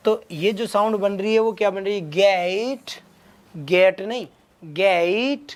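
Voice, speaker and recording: Brisk male teacher urging students on. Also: sits high, steady tone, a little mellow. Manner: rapid Hindi-English mix, urges students with quick questions. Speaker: exam-prep English teacher. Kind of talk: online class lecture.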